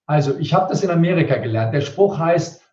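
A man with a fairly high, dark-toned voice talks briskly and expressively. He is a speaker and rhetoric coach giving emphatic advice in an interview, driving his points home by repeating them. The recording sounds roomy, distant and dull.

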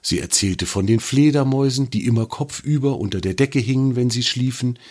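A man narrating a children's story in an expressive, lively reading voice. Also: mid-range voice, brisk.

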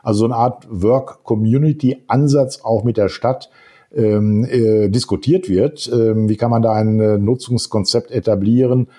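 A man talking thoughtfully in a discussion, pausing often with fillers and building long winding sentences. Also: medium pitch, warm tone. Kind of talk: casual discussion.

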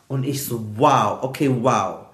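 A man telling a personal story in casual podcast chat, animated, mixing in English words. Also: medium pitch, measured pace, echoey room.

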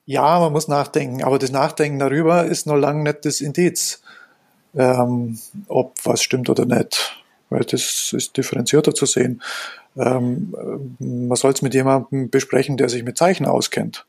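A man, a logo designer, answering podcast interview questions in a reflective, measured way. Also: medium pitch, fairly even intonation, gravelly, a little mellow, breathy edge.

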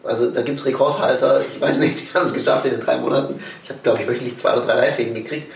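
A man in casual conversation, a sales trainer who talks in a lively way and acts out examples. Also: medium pitch, very fast, gravelly, reverberant, far from the mic, slight background noise. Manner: lively, explains with acted-out examples.

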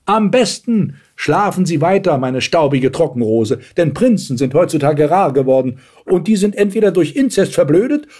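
A man voicing a loud, indignant old grandmother in a storybook reading, scolding everyone. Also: on the high side, sing-song, normal speed, few pauses, husky, voice pushed up. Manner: scolding, shouting.

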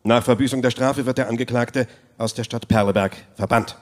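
A man's voice: mid-range voice, steady tone, fairly quick, lightly acted. An actor playing a stern male judge formally reading out a sentence. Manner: formal, official.

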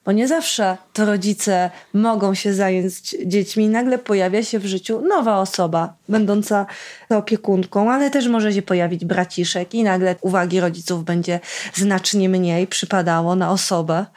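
A woman's voice: mid-range voice, fairly even intonation, moderate pace, a little mellow. A woman chatting casually about children's books, reading passages aloud and giving the characters voices, with laughs between her remarks. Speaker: children's book reviewer. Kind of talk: casual book review with read-aloud.

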